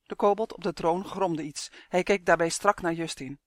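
A narrator reading a children's fantasy story aloud in a steady, expressive manner. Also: mid-range voice, normal speed, dry recording, clean studio sound.

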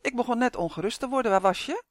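A reader voicing a caring mother in an audiobook, brisk and lightly teasing. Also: mid-range voice, lively intonation, no room sound, clean studio sound, pitched above the performer's own voice, natural voice. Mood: worried.

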